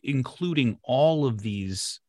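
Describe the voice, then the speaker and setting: A man interviews someone in a casual, chatty style, encouraging and effusive as he goes. His voice sits at an average pitch and is recorded dry, with hardly any room sound. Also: animated, slow pace, mellow, no echo.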